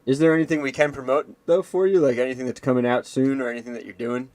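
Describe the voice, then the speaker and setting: A man hosting a casual interview, quick and easygoing with joking asides. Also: medium pitch, steady tone, a little mellow. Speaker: host.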